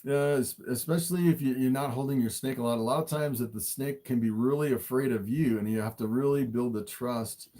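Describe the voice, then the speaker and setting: A man's voice: medium pitch, a little fast, hardly any pauses, mellow. A man hosting a casual livestream as an animal keeper, easily amazed and chatting to viewers as he shows his animals. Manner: easily amazed, often chuckling between remarks.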